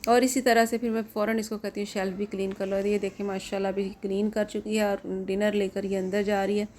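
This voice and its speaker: Middle-aged pakistani lady chatting over her home vlog, normal pitch, lots of umms and repeats, bit of hiss behind. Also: flat delivery, warm tone. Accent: Pakistani Urdu. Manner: chatty, repeats herself, many pauses and fillers. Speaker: vlogger.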